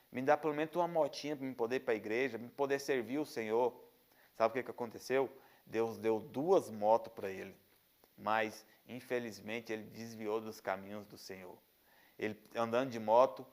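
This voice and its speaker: A man with a Brazilian accent telling an earnest religious testimony, often repeating phrases and restarting his sentences. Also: medium pitch. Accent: Brazilian Portuguese. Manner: frequent restarts and stumbles. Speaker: testimony speaker.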